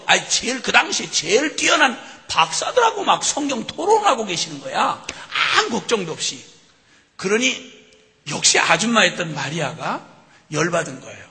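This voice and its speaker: A man preaching a sermon as a missionary, telling the story in an animated way and acting out scenes with chuckles. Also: high-pitched. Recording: long hall reverb.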